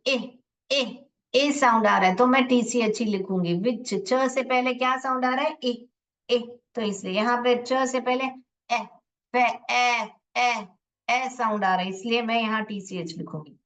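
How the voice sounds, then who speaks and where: A woman's voice: a little high, steady tone, measured pace, a bit bright. A woman teaching an online phonics lesson, sounding out words syllable by syllable and patiently asking her class questions. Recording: voice a little distant from the mic.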